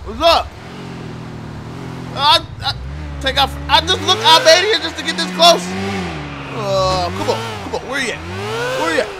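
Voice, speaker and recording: A man giving loud, joking commentary while playing a crime game, talking back to the characters on screen. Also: very high voice, measured pace, pauses often, background noise. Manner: loud, excitable, talks to the screen. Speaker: gameplay streamer. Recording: loud game sound behind.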